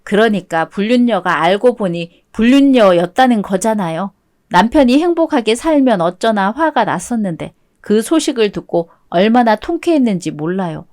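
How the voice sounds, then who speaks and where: Sharp-tongued woman storyteller. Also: medium pitch. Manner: cold, sharp, scornful in dialogue. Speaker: storyteller narrating her own story. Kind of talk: one-voice radio drama reading.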